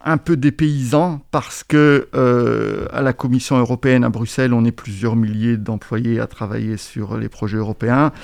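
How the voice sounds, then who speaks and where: A man, answering interview questions in a measured, explanatory way with frequent hesitations. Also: medium pitch, fairly even intonation, vocal fry, a little mellow, no echo. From Belgium. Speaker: guest, agency staff member.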